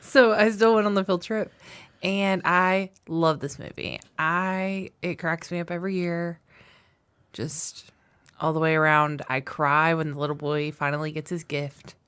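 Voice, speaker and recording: A woman's voice: sits low, steady tone, a little slow, fairly bright tone, clear, resonant tone, dry recording. A woman co-hosting a comedy podcast, talking bluntly and casually, swearing and laughing often. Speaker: podcast co-host.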